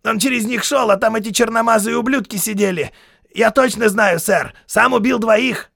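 A man voicing a crazed, murderous army sergeant who is fawning and sneering, with a shrill, barking delivery. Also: moderate pace, vocal fry, fairly bright tone, breathy edge, no echo, studio quality, heavily acted. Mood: manic.

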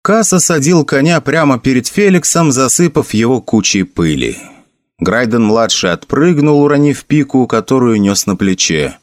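A male narrator reading a fantasy audiobook with an expressive, storytelling delivery. His pitch moves in wide, animated swings. The voice is close and dry, with no room sound. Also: moderate pace, dry recording.

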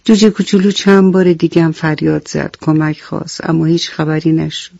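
A woman narrating a bedtime story on the radio, speaking gently and turning to the children listening. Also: sits low, fairly even intonation, creaky, no echo. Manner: gentle, addresses children directly. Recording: dull dry radio studio sound.

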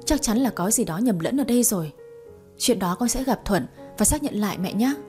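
A woman's voice: mid-range voice, expressive, fairly quick, darkish tone, faint music behind, close to an everyday voice. A woman voicing a frightened daughter of about twenty who speaks meekly and pleads. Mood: pleading. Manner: meek, pleading.

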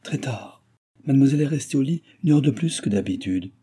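A man's voice: mid-range voice, animated, a little fast, dark tone, slightly rough, pitched above the performer's own voice. A man voicing a sly young chambermaid in an audiobook, talking in a sugary, insinuating way.

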